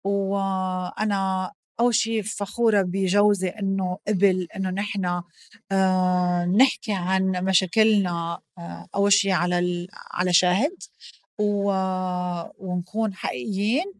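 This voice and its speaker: A woman hosts a casual podcast in a Lebanese accent, speaking a little slowly with medium pitch and fairly even intonation. She's heartfelt and emphatic, mixes in English phrases, and there's no echo.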